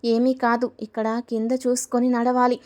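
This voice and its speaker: A woman voicing a kindly village man who talks gently and patiently. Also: a little high, completely flat delivery, moderate pace, natural voice.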